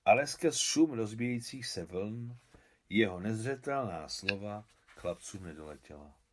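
A man, the book's translator, reading aloud in a steady, measured narration. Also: on the low side. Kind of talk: audiobook narration.

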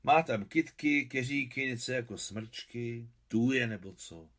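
A man's voice: medium pitch, fairly bright tone, close to an everyday voice. A man reading aloud and voicing an earnest, brooding old war veteran. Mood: musing. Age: older. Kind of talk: audiobook reading.

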